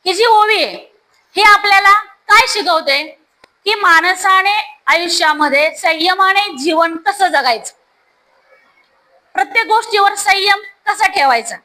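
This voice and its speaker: A woman's voice: very high voice, bright, forceful tone, rough recording. A woman teacher explaining a devotional verse to schoolchildren in a storytelling way, speaking directly to the students.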